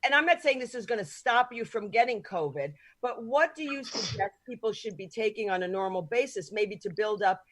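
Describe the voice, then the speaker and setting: A woman's voice: mid-range voice, lively intonation, brisk, few pauses, no room sound. A woman hosting a podcast over a video call, teasing and blunt in casual chat. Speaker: podcast host.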